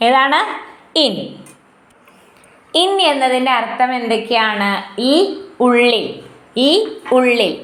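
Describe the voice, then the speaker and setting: A woman with a Malayali accent teaching English grammar, reading definitions aloud slowly and asking the listener questions. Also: fairly high pitch, a bit bright, roomy sound. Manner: repeats points and asks the listener questions. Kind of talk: explanatory lesson with slow read-aloud definitions.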